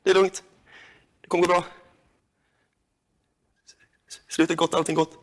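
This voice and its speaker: A man's voice: high-pitched, level tone. A young man talking nervously to himself, muttering, swearing and yelping in disgust during a challenge. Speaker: reality show contestant.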